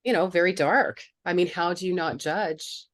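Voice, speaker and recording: A woman host with a somewhat low voice, talking in an easygoing interview style. She hesitates a lot and gropes for words, filling gaps with little fillers. The recording is dry and close. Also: moderate pace, dry recording. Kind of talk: casual interview chat.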